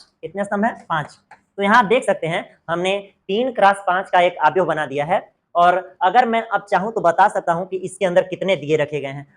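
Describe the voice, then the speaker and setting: Man teaching math, quizzing himself. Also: high-pitched. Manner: asks questions and answers them himself, repeating key words. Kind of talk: exam-prep math lesson.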